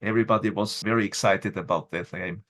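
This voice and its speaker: A man's voice: fairly low pitch, steady tone, a little fast, fairly bright tone. Austrian man in his sixties reminiscing. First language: German. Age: 60s. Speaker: guest blogger. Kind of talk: podcast interview.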